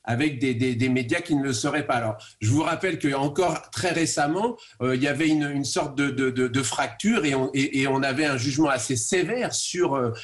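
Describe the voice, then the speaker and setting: A man speaking as a guest in a studio radio debate, halting and repeating words as he builds his point. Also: medium pitch.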